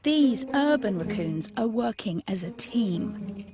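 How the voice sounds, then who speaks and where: A woman's voice: mid-range voice, lively intonation, takes it slowly. A woman narrating a nature documentary in a scripted presenter's style. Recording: voice-over with music behind. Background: music.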